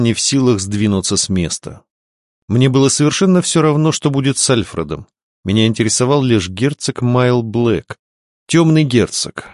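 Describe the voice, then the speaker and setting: A man giving expressive first-person narration of an audiobook. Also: medium pitch, dry recording, studio quality.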